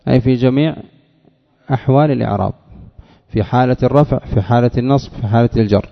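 A man with a gravelly, creaky voice gives a measured grammar lesson and repeats key phrases to his students. His voice carries a long hall reverb, and the recording sounds dull and lo-fi. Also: mid-range voice. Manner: measured, repeats phrases to drive points home. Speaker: teacher. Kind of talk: grammar lesson explaining a text.

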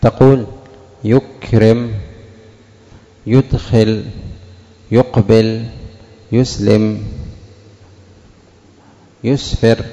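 Male grammar teacher, patient and repetitive, mellow voice, reverberant classroom. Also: fairly low pitch, steady tone. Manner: questions the class and repeats examples slowly. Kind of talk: classroom lesson with questions to students.

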